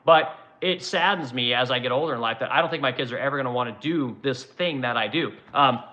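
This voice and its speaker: A man in his forties rambles bluntly and swears freely while answering viewer chat on a casual livestream. He talks quickly in a bright, forceful voice. The recording sounds dull and lo-fi. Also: mid-range voice. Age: 40s. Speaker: woodworking business owner answering live chat.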